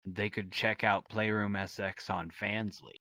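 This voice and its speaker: A man co-hosting a casual, flirty chat show, playful and teasing with deadpan jokes. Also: fairly low pitch, unhurried, no room sound. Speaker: podcast co-host.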